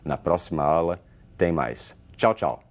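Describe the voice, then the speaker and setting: A man with a Brazilian Portuguese accent teaching an English lesson, explaining slowly and patiently and reading English examples aloud with lifted intonation. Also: very deep voice, animated, gravelly.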